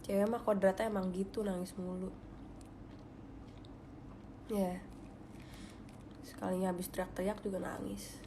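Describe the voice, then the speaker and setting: A woman's voice: medium pitch, flat delivery, unhurried, pauses often, background noise. Chatty young woman. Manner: chatty and confiding, often dropping to a whisper. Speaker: livestream host. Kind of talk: casual livestream chat. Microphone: phone.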